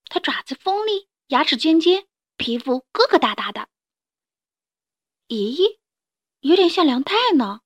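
A woman reading a storybook and voicing a playful little male dinosaur who talks chirpy and lively. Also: sits high, a little slow, pauses often, no room sound, pitched above the performer's own voice.

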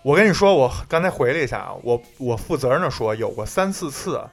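Animated, blunt man. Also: medium pitch, quick pace, soft background music. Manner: blunt, profane, animated storytelling. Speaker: podcast co-host. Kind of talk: casual chat.

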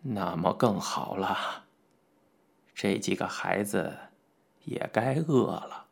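A man voicing a stooped, kindly old man over sixty, who speaks low and softly in an audiobook. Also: expressive, slow pace, creaky, breathy edge, full character voice. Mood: gentle.

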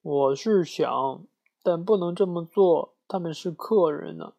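A man reading aloud, voicing a big, gentle, generous male moose who talks politely and mutters when annoyed. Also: medium pitch, measured pace. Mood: pleading.

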